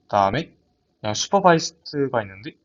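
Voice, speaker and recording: A man's voice: medium pitch, big pitch swings, a little fast. Young man presenting a paper, lo-fi. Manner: hesitant, many restarts and fillers. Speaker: student presenter. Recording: dull lo-fi audio.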